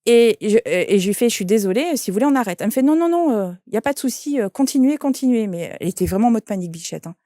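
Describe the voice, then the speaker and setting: A woman's voice: mid-range voice, expressive, very fast, hardly any pauses, dark tone, no echo, clean studio sound. A woman, a shaman and medium, telling an anecdote in an interview and quoting the people in it. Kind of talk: interview storytelling.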